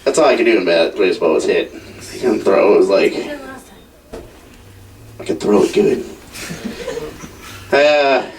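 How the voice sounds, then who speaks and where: Young male comic, lively rambling delivery, self-deprecating, recorded from across a room. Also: fairly low pitch, a little slow, long pauses. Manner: rambling, self-mocking, full of "like". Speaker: stand-up comedian. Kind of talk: stand-up storytelling at a house party. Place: crowded house party. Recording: distant mic, faint noise.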